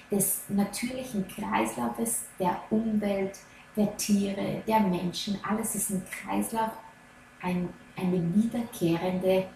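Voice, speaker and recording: A woman coaching on Ayurveda, talking gently and earnestly straight to the listener. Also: mid-range voice, a little hiss or hum. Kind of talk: slow advice talk to viewer. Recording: very echoey room, faint ambience.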